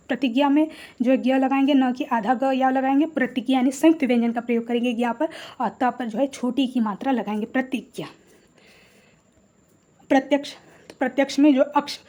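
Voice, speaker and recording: A woman with a high, mellow voice teaches a Hindi grammar lesson. She patiently spells out each word and poses rhetorical questions along the way.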